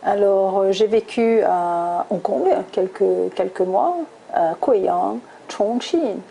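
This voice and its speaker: A woman's voice: mid-range voice, slow, vocal fry, dark tone, a little hiss or hum, poor audio. Hesitant middle-aged woman from Toulouse. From France, southwest (Toulouse). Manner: thoughtful, many hesitations with "euh". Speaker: guest, recruiter. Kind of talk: interview answers.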